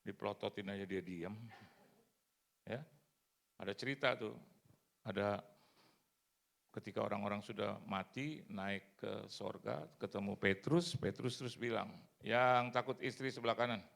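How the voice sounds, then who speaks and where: A man in his fifties preaching a sermon in lively storytelling style at a church service. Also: lowish voice, unhurried, vocal fry, long pauses. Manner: lively storytelling, acts out other people's voices.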